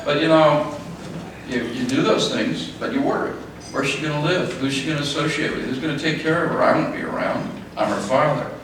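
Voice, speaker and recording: A middle-aged man giving a father-of-the-bride wedding speech in a halting way, repeating phrases and speaking in short sentences. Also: fairly high pitch. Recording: echoey, noisy room, distant mic.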